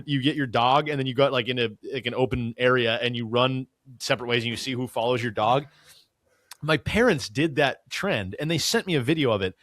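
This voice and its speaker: A man's voice: mid-range voice, a bit bright. A young man co-hosting a podcast, telling loose, self-deprecating stories with lots of swearing and laughter. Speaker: podcast co-host. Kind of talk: casual chat.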